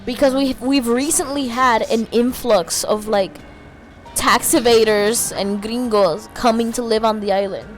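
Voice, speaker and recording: A woman's voice: on the high side, steady tone, measured pace, faint music behind. A woman from Puerto Rico, a streamer chatting heatedly and emphatically over gameplay, swearing freely. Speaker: let's-play streamer. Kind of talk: casual chat over gameplay.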